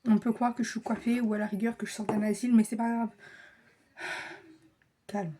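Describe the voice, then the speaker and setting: Young woman vlogger, husky voice, flustered and hurried, chats and mutters half-whispered asides. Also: a little high, little pitch movement, warm tone. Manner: chatty, self-mocking, often drops to a whisper. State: flustered and rushed. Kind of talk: casual vlog chat.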